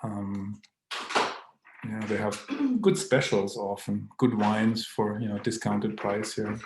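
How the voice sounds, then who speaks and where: A man's voice: lowish voice, takes it slowly, reverberant, background noise. A man hosting a casual live online Q&A. He reads viewer comments aloud, greets people by name, and chuckles often.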